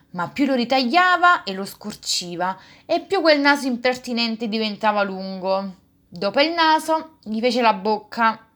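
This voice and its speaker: Woman reading a storybook out loud, middle pitch, expressive and lively. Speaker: reader.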